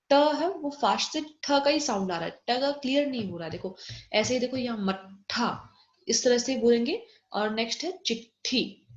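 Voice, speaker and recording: A woman teacher with an Indian accent walks pupils through vocabulary, giving English meanings and asking if it is clear. Her voice sits a little high. The recording is roomy and dull, like a home lesson. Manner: explains slowly, mixing English glosses, checks "clear?". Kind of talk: recorded online Hindi lesson.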